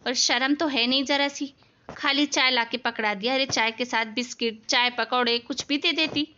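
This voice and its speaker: A woman voicing a spoiled, bossy young married daughter in an animated family story, snapping and shouting orders. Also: sits high, lo-fi sound. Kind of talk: animated cartoon voice acting.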